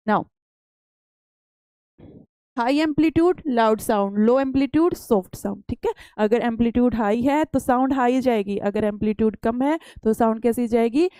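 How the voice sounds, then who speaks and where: Her science lesson moves patiently, the young teacher repeating questions to pupils and then supplying the answers herself. The voice is a touch high, warm and mellow, captured close-up and dry with no echo.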